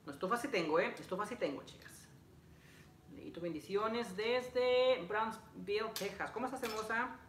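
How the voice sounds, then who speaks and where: His voice sits high with a fairly bright tone and a moderate pace, as this young adult vlogger works with his hands assembling furniture in a living room. He chats casually with livestream viewers, reading out greetings and repeating phrases over and over. The camera is a few feet back, and the room sounds echoey and noisy, with clicks.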